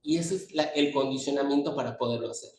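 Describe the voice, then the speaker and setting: A man's voice: fairly high pitch, quick pace, a little mellow. Man lecturing in an echoey hall. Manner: explanatory, pointing at slides. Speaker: pediatric conference lecturer. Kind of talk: medical lecture. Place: conference hall. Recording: echoey hall, distant mic, faint noise.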